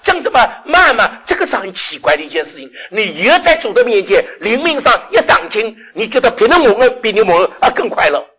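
An older man preaching a sermon, often asking the congregation questions and laughing as he swings between loud and quiet. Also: sits high, very animated, a little fast, few pauses, slightly rough.

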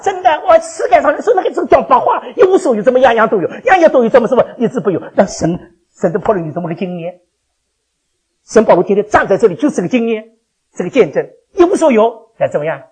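An older man preaching a sermon to his congregation as their pastor, animated and chuckling as he fires questions at the listeners. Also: extremely high pitch, fast, husky. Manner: animated, quizzes the congregation with questions, laughs often. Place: church.

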